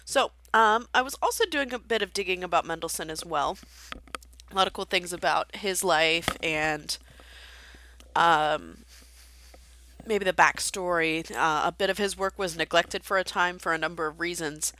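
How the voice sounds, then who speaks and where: A woman's voice: on the low side, moderate pace, bright, forceful tone, no echo. A woman hosting a podcast, an amateur pianist talking casually about her practice and a composer's life, with many fillers and rambling asides. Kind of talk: casual solo chat.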